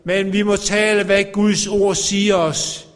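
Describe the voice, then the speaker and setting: A man's voice: high-pitched, flat delivery, long reverb tail. A man preaching a sermon to a congregation, fervent and calling out. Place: church.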